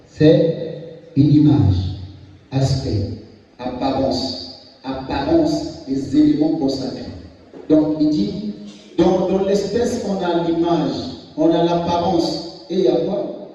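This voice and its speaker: A man's voice: fairly high pitch, takes it slowly, long pauses, mellow. A man preaching a sermon, repeating words and quizzing the congregation with questions. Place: church hall. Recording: distant, echoey hall, dull lo-fi.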